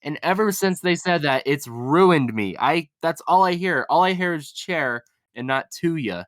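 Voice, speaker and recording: A man's voice: a little high, lively intonation, moderate pace, fairly bright tone, no echo, studio quality. A young man hosting a casual podcast chat, laughing often and putting questions to the panel. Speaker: podcast host.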